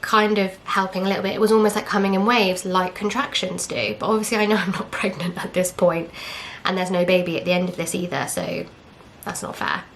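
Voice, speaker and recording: Fairly quick and steady in tone, this medium-pitched young Englishwoman barely pauses as she chats, with slight background noise. The vlogger candidly shares a personal story, retelling what people said in quoted dialogue sprinkled with fillers.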